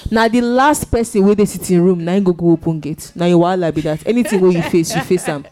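A woman's voice: on the low side, fast, dark tone. A Nigerian woman co-hosting a radio show, chatting casually in Nigerian Pidgin with a Nigerian accent. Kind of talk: casual conversational talk show chat.

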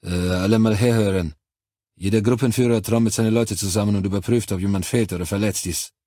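A man voicing a brusque male sergeant who gives curt orders to his squad, in a low, husky voice. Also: fairly even intonation, brisk, dark tone, no room sound, studio quality, lightly acted.

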